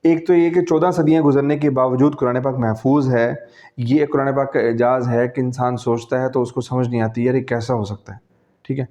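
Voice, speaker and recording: A male teacher with a Pakistani accent delivers a classroom-style lecture in a relaxed, warm tone, explaining step by step and often checking that his students follow along. His voice sits at an ordinary pitch. The recording sounds a little dull and lo-fi. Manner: conversational, explains patiently, often checks understanding.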